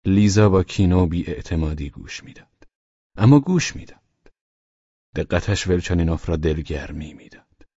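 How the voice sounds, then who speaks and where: Deep husky male audiobook narrator. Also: lively intonation, dark tone, no room sound, highs cut off. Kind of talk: scripted literary narration.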